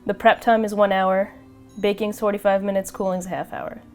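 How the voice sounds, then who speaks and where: A woman's voice: medium pitch, flat delivery, a little fast, darkish tone, faint music behind. A woman with a New York accent co-hosting a casual podcast chat, rambling and laughing often. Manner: giggly, rambling, lots of fillers and restarts. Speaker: podcast co-host.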